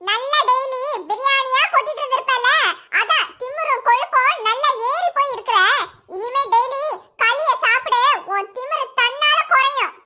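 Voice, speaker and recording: A smug, mocking woman in a cartoon, voiced by a woman, gloating over a jailed rival. The voice is very high and bright. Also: normal speed, heavily acted. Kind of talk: cartoon voice acting.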